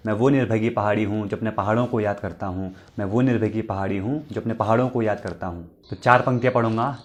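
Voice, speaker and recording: A man from the Uttarakhand hills, a poet who hosts his own channel, recites a nostalgic poem, repeating each line before finishing it and adding spoken asides between verses. His voice is fairly low in pitch.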